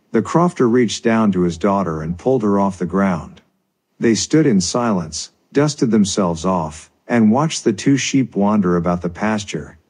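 A male narrator reads a folk tale in a measured, steady delivery. His voice sits low and has a husky grain. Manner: measured storytelling. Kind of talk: scripted narration.

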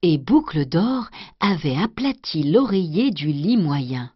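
Slow, lively woman telling a storybook. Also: low-pitched, husky, no room sound. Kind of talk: scripted storybook narration. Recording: dry, dull lo-fi recording.

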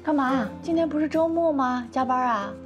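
An actress playing a weary, practical young wife who answers tersely. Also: female voice, high voice, normal speed, highs cut off, lightly acted. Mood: dry. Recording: music bed under the dialogue.

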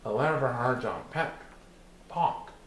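Reading a rhyming children's picture book aloud, this storybook reader uses a medium-pitched male voice at a measured pace. His delivery is theatrical and rhythmic with a sing-song lilt, captured with roomy echo and some background noise.

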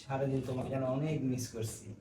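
An actor playing a smooth-talking young lover who coaxes and reassures. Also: male voice, medium pitch, fairly even intonation, quick pace, noisy background, lightly acted. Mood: coaxing. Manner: coaxing, sweet-talking. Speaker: lover posing as internet bill collector. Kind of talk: melodramatic short-film acting. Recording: echoey room, distant mic.

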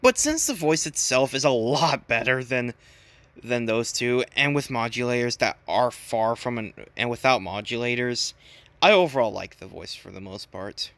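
A man's voice: mid-range voice, animated, moderate pace, a bit bright, dry recording. A young man giving casual, opinionated commentary, often stumbling and restarting his sentences. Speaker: video commentator.

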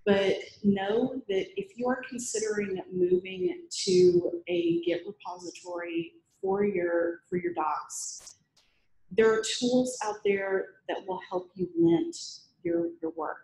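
A woman whose voice is a little high and creaky takes her time through a chatty, funny meetup presentation, laughing at herself and answering questions afterward. It's recorded in an echoey room.

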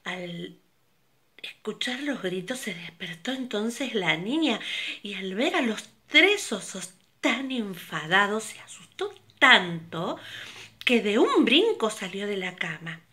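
Older woman narrating a children's story, slow and animated. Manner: slow and very expressive, leaping pitch.

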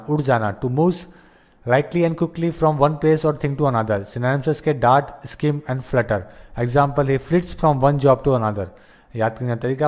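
A man with an Indian English accent, teaching exam-prep vocabulary, explaining in Hindi and reading English definitions slowly. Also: a little high, a little mellow.

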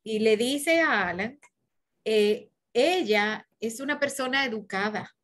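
A woman's voice: a little high, takes it slowly, fairly bright tone. Woman talking over a film in a discussion group. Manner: conversational, asking the group questions. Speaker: film forum participant.

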